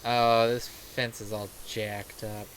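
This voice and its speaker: Speaking slowly in a lowish, level voice, a man gives casual commentary while streaming a game. The talk rambles with crude humor and plenty of profanity, and he performs the remarks he quotes. The recording has clear background noise.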